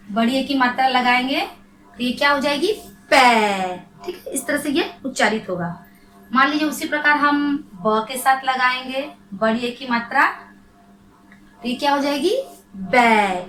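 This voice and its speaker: Bright high-voiced woman teaching slowly. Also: reverberant, soft background music, rough recording. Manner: slow, drawn-out syllables, asks and answers her own questions. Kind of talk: children's Hindi grammar lesson.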